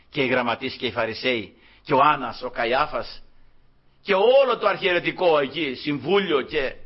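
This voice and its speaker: A man preaching a sermon to his congregation, acting out quoted figures in a raised voice. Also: fairly high pitch. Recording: dull lo-fi recording.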